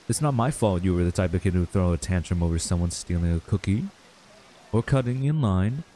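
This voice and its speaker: In an intimate ASMR roleplay, a man plays a wistful young man, his low voice dark and relaxed. He talks casually and a bit hesitantly, in a laid-back, teasing and nostalgic way, as if to an old childhood friend. The recording quality is low.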